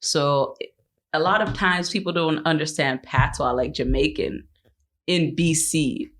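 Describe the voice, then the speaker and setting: A woman's voice: low voice, unhurried. Laid-back slangy woman podcast guest. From Canada. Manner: relaxed and chatty, laughs a lot, slangy. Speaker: life coach guest. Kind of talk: casual podcast chat.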